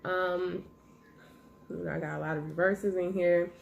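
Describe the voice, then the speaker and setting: A woman hosting her own channel, chatting casually with viewers while chewing gum, with a relaxed, friendly manner. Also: fairly low pitch, takes it slowly, vocal fry, dull audio. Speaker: channel host. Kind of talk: casual vlog chat. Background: faint noise of her dog moving around.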